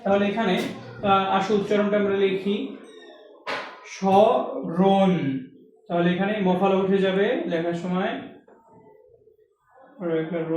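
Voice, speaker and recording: A man teaches a language lesson in class, walking students through it step by step and posing questions he then answers himself. His voice is high with a darkish tone. He is recorded from a distance in an echoey room.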